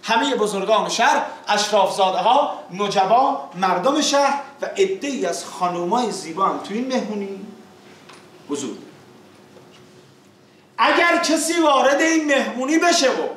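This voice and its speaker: A man's voice: high-pitched, animated, fairly bright tone. A man performing as an epic teahouse storyteller in a theatrical, declamatory way, with verse and narration. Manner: theatrical, declamatory, chanting verse in drawn-out tones. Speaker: naqqali storyteller. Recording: echoey room, far from the mic.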